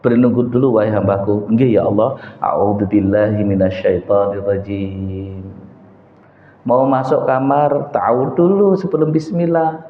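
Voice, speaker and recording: A man with a Javanese accent giving a religious study talk as a preacher, drilling the sounds of letters slowly and deliberately. His voice swings high and low, recorded in a large hall. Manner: slow and deliberate, voice rising and falling sharply. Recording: echoey hall, dull lo-fi sound.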